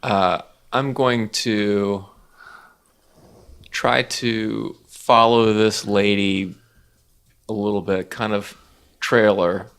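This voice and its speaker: Slow, hesitant man at a tabletop game. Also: on the low side, clear, resonant tone. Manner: hesitant, deadpan joking. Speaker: player. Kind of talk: casual tabletop role-play.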